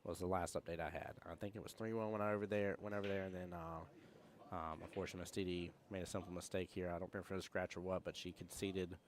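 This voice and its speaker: A man's voice: low-pitched, little pitch movement, fast talker. A man commentating casually on a live pool stream, chatting with viewers in a folksy, friendly way. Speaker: livestream pool commentator and host. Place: indoor pool hall. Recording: small fan near the mic.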